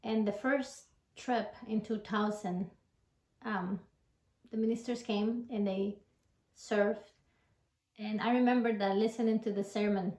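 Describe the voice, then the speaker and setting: A woman from Ecuador gives a personal faith testimony in an earnest, devout, halting way. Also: medium pitch, fairly even intonation, a little mellow. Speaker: church member giving testimony. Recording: echoey room.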